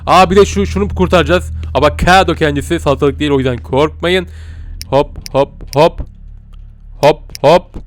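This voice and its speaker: A man giving casual gameplay commentary and talking straight to his viewers, swinging between muttering and yelling. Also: on the high side, moderate pace. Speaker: gaming video host.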